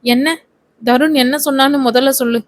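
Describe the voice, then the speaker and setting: A stern middle-aged mother from a spoken story, impatient and scolding, as a woman reads her lines. The voice sits a bit high with a narrow, even tune. It is recorded close and dry. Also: normal speed, no echo, close to an everyday voice.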